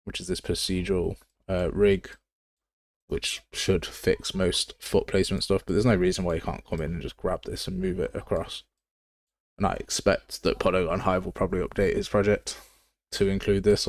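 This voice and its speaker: Talking casually and bluntly, a man with a very deep voice and a Midlands English accent reasons out loud as he works through a live game dev tutorial.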